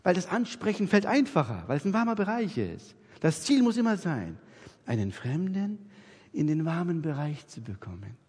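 Lively high-voiced male preacher in a hall. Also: moderate pace, husky. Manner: storytelling, acts out dialogue in voices. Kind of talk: anecdotal sermon. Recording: reverberant hall.

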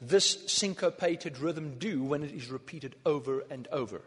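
A man with a somewhat higher, husky voice gives a lecture in short, measured phrases, leaving gaps for translation and counting beats aloud. His voice carries a long reverb from a large hall. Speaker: lecturer on music. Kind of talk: lecture given through an interpreter.

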